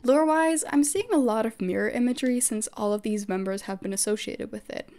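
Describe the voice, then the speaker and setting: In a medium-pitched, slightly mellow voice, a woman who makes K-pop fan videos reads a scripted voice-over on her picks for a group. She's chatty, opinionated, and full of fan enthusiasm, now recovered after having lost her voice.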